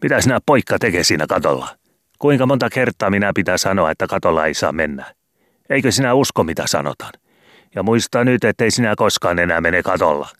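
A man's voice: low-pitched, animated, a bit bright, dry recording, studio quality, pitched above the performer's own voice. A man voicing a bossy middle-aged landlady who scolds in broken, ungrammatical speech. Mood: scolding.

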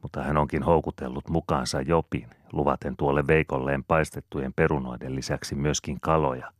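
A man narrates a novel in an extremely deep, low voice. His delivery is even and measured, steady storytelling. The sound is close and completely dry. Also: no room sound. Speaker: audiobook reader. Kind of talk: scripted narration.

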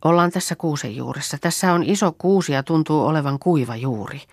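A woman's voice: low-pitched, dry recording, studio quality. A woman voicing a practical young farm girl who takes charge with short instructions. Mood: steady.

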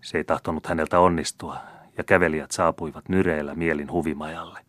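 A man narrating a classic novel as an audiobook in a measured, even way. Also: extremely low pitch, dry recording.

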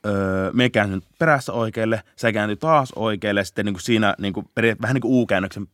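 A young man, a police officer, telling a story in a casual podcast interview, laughing often and shouting out bursts of the chase. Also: fairly low pitch, no echo, clean studio sound. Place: podcast studio.

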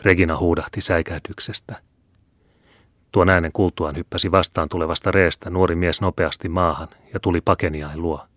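A man reading an audiobook in a steady, measured narrating voice. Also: low voice, no echo, clean studio sound. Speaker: audiobook reader.

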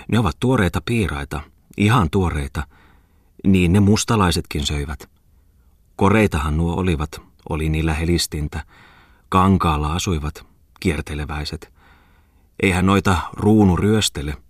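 A man's voice: low-pitched, slightly rough, no echo, clean studio sound. A man voicing a garrulous old countrywoman, a miller's wife who rambles on in an old-fashioned storybook.

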